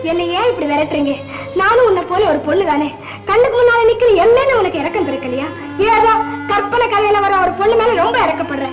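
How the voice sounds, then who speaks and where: An actress playing a madwoman who coaxes and pleads, on a dull old film soundtrack over loud music. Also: very high voice, expressive, quick pace. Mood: pleading. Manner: coaxing, pleading. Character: pleading madwoman, eerily gentle.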